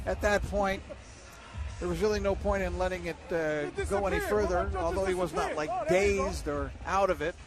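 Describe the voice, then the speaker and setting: A man giving live boxing commentary and analysis as a ringside commentator. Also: sits high.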